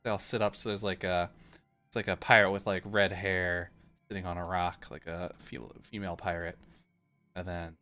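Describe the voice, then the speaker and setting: A man with a low voice and a bright, crisp edge narrates a tabletop game as game master. He talks loosely and casually, with plenty of fillers as he describes the scene. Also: level tone, moderate pace, faint music behind.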